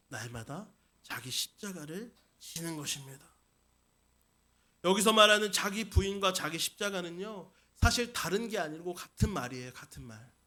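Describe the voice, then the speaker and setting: Delivering the Sunday sermon as senior pastor, a man speaks with a high, bright, forceful voice during the church service. He questions the congregation directly and drives home his main points by repeating them.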